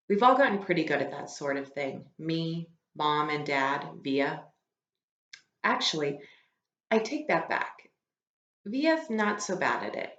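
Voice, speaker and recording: Her voice is low with a slight brightness as this teacher reads to her class, stopping for asides and questions in a chatty, explanatory way. The recording has roomy echo, muffled highs, and faint background noise.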